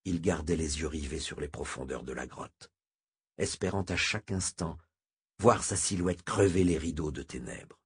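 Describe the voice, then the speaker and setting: A man reading a novel aloud in a measured, steady narration. His voice is low and deep, with a heavy husky grain running through every line. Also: no room sound, studio quality. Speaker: audiobook narrator. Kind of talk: scripted narration.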